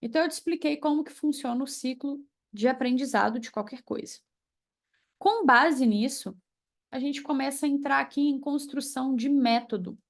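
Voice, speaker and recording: A young Brazilian woman with a Brazilian Portuguese accent, coaching environmental professionals on learning English, lively and emphatic as she works through examples. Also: sits high, normal speed, gravelly. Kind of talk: online class or mentoring talk.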